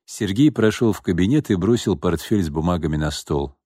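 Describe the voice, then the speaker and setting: A man narrating an audiobook novel with an expressive, animated reading. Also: low-pitched, a little fast, dry recording, clean studio sound. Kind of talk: scripted narration.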